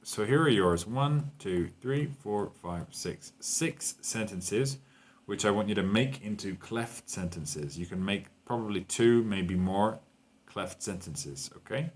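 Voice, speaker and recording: A man's voice: lowish voice, takes it slowly, a little hiss or hum. A man teaching a grammar lesson to Spanish speakers, explaining patiently and checking in with "okay?" and "right?". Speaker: English teacher.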